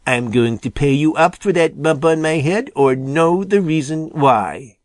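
An angry male skunk snaps out accusations, as a man puts him on. He swings his pitch widely and sounds close and dry. It is a storybook voice with a stubborn, grudging temper. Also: animated, unhurried, dry recording. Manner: snapping, accusing.

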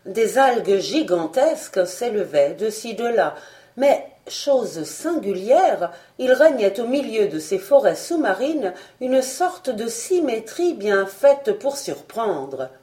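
A woman reading an adventure novel aloud with expressive, deliberate storytelling. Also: medium pitch. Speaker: narrator.

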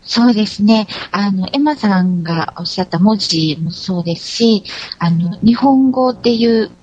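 A woman guest in a conversational interview, answering in a measured, careful way. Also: mid-range voice, a little mellow, breathy edge, dull audio.

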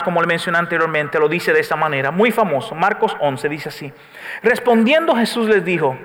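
A middle-aged man preaching a sermon as pastor. He tells stories, swells to loud calls and drops to soft asides. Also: very high-pitched. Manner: preaching with sudden rises and soft dips, storytelling asides. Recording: echoey hall, faint room noise.

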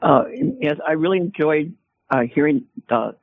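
A man talks casually and haltingly, filling gaps with small hesitations. His husky voice comes through a choppy, breaking-up call line that sounds thin and phone-like. There is no room sound around it. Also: a little high, dry recording. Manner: hesitant, with many fillers. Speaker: ministry participant on a call. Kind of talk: casual chat over a call. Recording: tinny phone-like call audio, dry.

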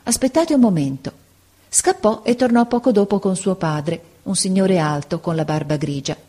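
A woman reading a classic story aloud, with measured, expressive storytelling. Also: lowish voice. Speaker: narrator. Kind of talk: scripted narration of a classic tale.

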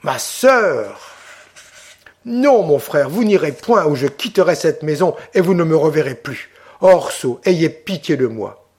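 Fierce young Corsican woman, vehement and pleading; a man voices her, slightly high voice. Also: lively intonation, measured pace, a little mellow, slightly rough.

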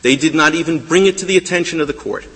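A man arguing a case before a high court, insistent and argumentative, often stumbling and repeating words. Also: fast talker, fairly bright tone, slight background noise. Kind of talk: appellate oral argument. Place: large courtroom. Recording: courtroom with long reverb.

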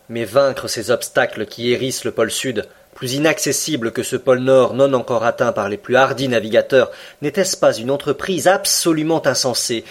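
A man reading a classic novel aloud as an audiobook narrator. His voice sits in a middle pitch, and the reading is even and measured.

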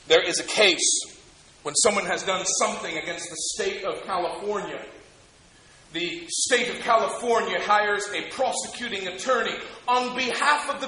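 A man preaching a sermon as pastor, emphatic, swinging between loud stresses and quiet asides. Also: sits high, reverberant, slight background noise, rough recording.

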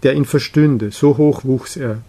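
A man reading as a calm, grave prophet. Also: medium pitch, measured pace, slightly rough. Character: wise solitary male prophet, calm and grave.

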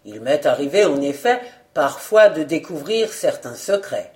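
A reader voicing a shrewd, warm, confident detective in an audiobook, speaking in an assured, fatherly, emphatic way. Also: mid-range voice, big pitch swings, unhurried. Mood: kindly. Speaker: detective in a novel. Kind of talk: audiobook character reading.

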